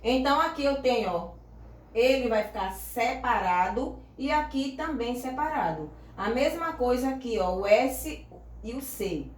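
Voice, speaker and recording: A woman teacher with a slightly high voice explains a grammar lesson at an easy, patient pace. She spells letters out slowly and checks in with the class. She sounds set back from the mic in a roomy, echoing space. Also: expressive. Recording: echoey room, voice from far off.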